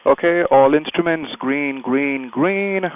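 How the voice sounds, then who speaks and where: Recording an instructional vlog, a man who flies and hosts videos talks through cockpit procedures step by step in a small plane and makes radio calls. He speaks slowly in a narrow, somewhat high voice, captured with tinny audio.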